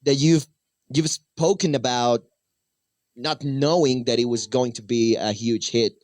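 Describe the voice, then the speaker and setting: A male radio host, interviewing a guest and asking long, halting questions that repeat words. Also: medium pitch, fairly even intonation, darkish tone, dry recording, clean studio sound. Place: radio booth.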